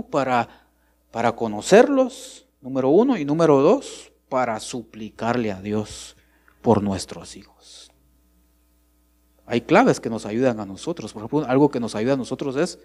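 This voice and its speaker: A middle-aged Guatemalan man preaches with a voice that swings widely in pitch. His tone is emphatic and pleading. He keeps turning to his listeners as brothers. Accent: Guatemalan Spanish. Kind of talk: sermon.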